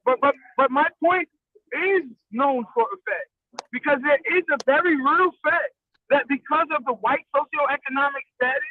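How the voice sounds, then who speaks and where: A man's voice: extremely high pitch, moderate pace, slight background noise. Man on a tinny, robotic-sounding call. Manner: insistent, argumentative. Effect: robotic glitching call audio. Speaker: caller in an online debate. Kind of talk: heated debate. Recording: tinny phone-call line.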